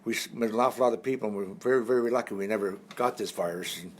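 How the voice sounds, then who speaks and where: A man's voice: on the low side, rapid-fire, slight background noise. An older man, telling folksy jokes on a home live stream. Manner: folksy joke-telling, chuckling at own punchlines. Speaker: singer and entertainer. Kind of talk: casual live-stream jokes between songs. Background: guitar.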